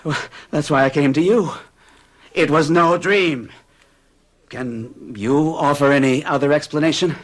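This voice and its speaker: In an old radio horror drama, an actor with a voice on the high side plays a haunted, frightened man. He tells his story insistently, with halting, dramatic intensity.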